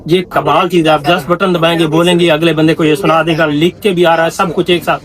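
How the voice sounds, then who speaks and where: Eager man pitching gadgets, higher voice. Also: little pitch movement, fairly quick, a bit bright. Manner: eager, salesman-like product pitching. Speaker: travel vlogger. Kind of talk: casual promotional walkthrough. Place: indoor trade center shopping hall.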